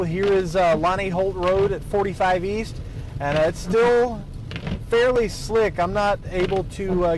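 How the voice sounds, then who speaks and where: A man giving a live road report from inside a moving car, speaking haltingly with many fillers while driving. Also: high voice, background noise. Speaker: field meteorologist reporting from car.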